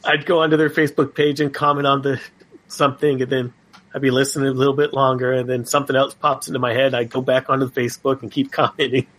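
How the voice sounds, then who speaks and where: A man's voice: medium pitch, little pitch movement, fast, a bit bright. A man co-hosting a podcast, laid-back and chuckling as he talks. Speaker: podcast co-host. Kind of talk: casual podcast chat.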